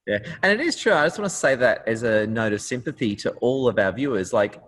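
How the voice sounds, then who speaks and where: Lively man, reverberant room. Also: mid-range voice, a little fast, a little hiss or hum. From Australia. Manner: enthusiastic, chatty, joking. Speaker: podcast host. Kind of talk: interview podcast.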